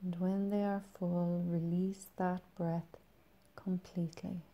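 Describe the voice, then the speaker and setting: Very mellow, soft-spoken woman guiding meditation. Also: fairly low pitch, little pitch movement, muffled recording. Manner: soft, breathy, soothing delivery with long pauses. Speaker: meditation guide. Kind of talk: guided meditation.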